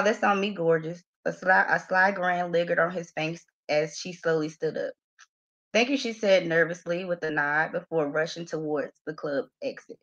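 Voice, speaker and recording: A woman reads a chapter of her own novel aloud in a somewhat low voice. She reads with expression and gives the characters' dialogue its own lift. The recording sounds dull and muffled. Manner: expressive reading with laughing asides to a live audience. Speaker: author reading her novel.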